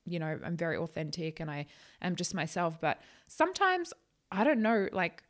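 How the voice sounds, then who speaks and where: A woman's voice: fairly low pitch, big pitch swings, normal speed. A woman talking casually on a solo podcast, chatty and a little nervous, stumbling over her words and rephrasing as she goes. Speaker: podcast host, psychic channel.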